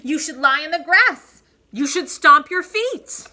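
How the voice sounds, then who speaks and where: Cheerful storybook jungle animals voiced by a woman, pushy and eager. The voice is high, forceful and animated, insisting on each suggestion. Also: a little slow, full character voice. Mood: eager urging.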